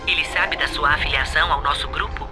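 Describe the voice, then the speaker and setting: A man's voice: on the high side, steady tone, a little fast, music in the background. An actor voicing a curt male handler who gives terse, businesslike orders over a radio in a dubbed video game. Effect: voice heard over a radio.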